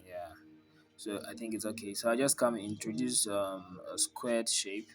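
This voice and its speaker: A man's voice: on the low side, measured pace, music in the background, poor audio. A man walking through a graphic design tutorial over a screen recording, narrating each step plainly as he works and thinking aloud.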